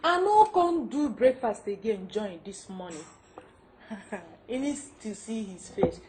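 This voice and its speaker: A woman with a Nigerian accent playing a fed-up young wife in a film drama. She is loud, animated and laughs often. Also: medium pitch, slow pace, very noisy. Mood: mocking. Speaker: film actor.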